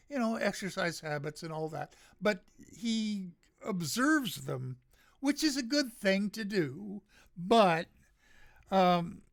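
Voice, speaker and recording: Older radio host, solo commentary, unhurried, sarcastic, rambling. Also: mid-range voice, a bit bright. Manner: sarcastic, slow, rambling with many fillers. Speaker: radio talk show host.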